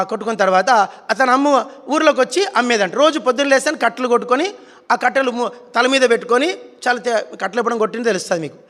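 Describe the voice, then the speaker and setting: A man's voice: very high voice, pushed and bright. A man preaching a sermon in Telugu style, telling stories animatedly and acting out scenes. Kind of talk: sermon with storytelling. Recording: reverberant hall.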